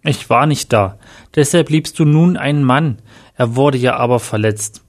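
A man's voice: medium pitch, normal speed, close to an everyday voice. A man reading as a spiteful estranged mother. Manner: cruel, falsely sweet.

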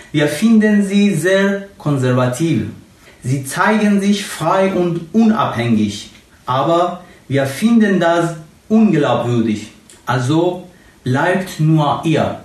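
Slow, solemn young Iranian man, roomy echo. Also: fairly high pitch, darkish tone. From Iran. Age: young adult. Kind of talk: prepared political appeal in a video. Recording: roomy echo, far from the mic.

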